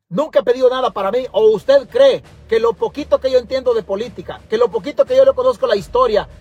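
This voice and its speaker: A man's voice: very high-pitched, darkish tone, breathy edge. A Salvadoran man ranting passionately from his car during a livestream, repeating himself for emphasis. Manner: impassioned, repetitive, preachy. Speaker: political commentator. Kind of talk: livestream rant.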